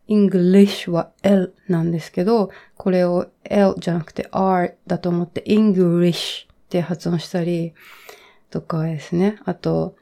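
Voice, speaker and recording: A woman in her thirties talking in a relaxed, reflective monologue, full of fillers and trailing asides, as she gives advice on learning English. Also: lowish voice, vocal fry. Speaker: podcast host giving English learning advice. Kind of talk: casual monologue.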